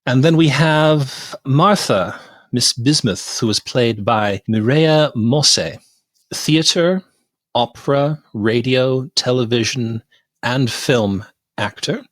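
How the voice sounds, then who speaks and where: A man's voice: mid-range voice, slow, no echo. A man in a mid-range voice hosts a movie podcast, walking through a scene with amused energy and small laughs. The sound is dry and close to the mic. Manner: animated storyteller, recaps scenes with amused laughs. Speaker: podcast host. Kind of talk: casual film review chat.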